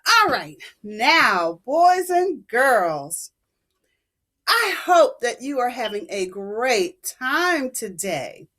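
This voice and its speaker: Give me a woman playing an overbright, high-pitched kids' party host. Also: very animated, very slow, pushed and bright, exaggerated voice. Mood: bubbly, encouraging. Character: Dazzleberry, overbright, cheery kids' show host. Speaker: children's show host teaching letter sounds. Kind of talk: children's show presenting with sing-song greetings.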